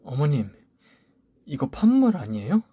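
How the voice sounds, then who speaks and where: A man's voice: a little high, wildly swooping pitch, measured pace, warm tone, breathy edge, no echo, full character voice. A man voicing a young pregnant wife who protests with pleading, defiant words against her mother-in-law, in a story radio drama. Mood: indignant.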